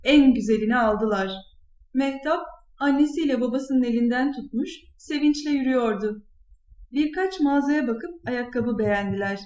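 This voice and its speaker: A woman with a high voice reads a children's story aloud. Her reading is clear and expressive. The recording is roomy and echoey. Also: moderate pace. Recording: echoey room.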